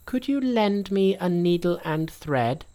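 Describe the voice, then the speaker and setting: A man doing a high, cheeky monkey sage. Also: expressive, takes it slowly, mellow. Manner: high, bold, teasing. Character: cheeky boastful male monkey sage, ageless.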